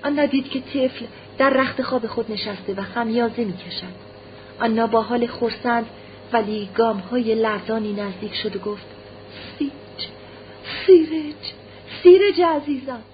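Woman reading a novel, fairly high voice, muffled lo-fi audio w faint hiss. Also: steady tone. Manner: measured storytelling. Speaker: narrator.

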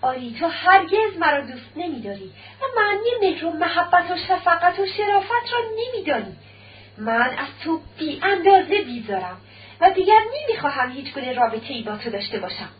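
A woman voicing an angry betrayed wife and mother, shouting bitter accusations, on a dull, distant old recording. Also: high-pitched, big pitch swings, roomy sound. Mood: furious.

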